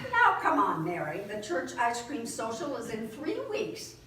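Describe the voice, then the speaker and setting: A woman's voice: fairly high pitch, wildly swooping pitch, a little slow, a bit bright, slight background noise, full character voice. Woman acting a gossipy old lady, prim, needling, echoey hall, distant. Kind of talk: community stage play acting. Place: theater stage in a hall. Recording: echoey hall, miked from far off.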